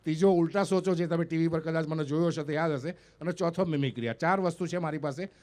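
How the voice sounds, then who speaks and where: His voice is a little high and his pace quick: he's a man in his fifties from North Gujarat, India, speaking with a North Gujarati accent. As a stand-up comedian and mimicry artist on an event stage before an audience, he tells comic stories live and animatedly voices the people in them.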